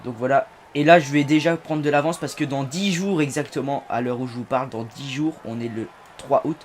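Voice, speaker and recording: A man hosting a casual let's-play video, chatty and excitable, with sudden loud outbursts between low asides. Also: a little fast, slight background noise. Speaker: gaming video host.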